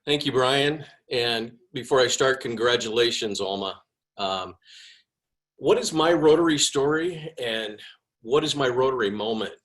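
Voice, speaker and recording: A man's voice: mid-range voice, measured pace, a bit bright. A man who is a past club president, telling a personal story in a casual, enthusiastic way. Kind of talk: personal speech.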